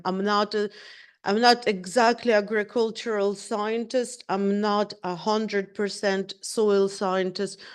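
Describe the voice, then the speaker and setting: A middle-aged woman from Ukraine, not an English speaker, giving a halting presentation on a video call with many fillers and restarts. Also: medium pitch, smooth. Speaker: researcher presenting at an online event.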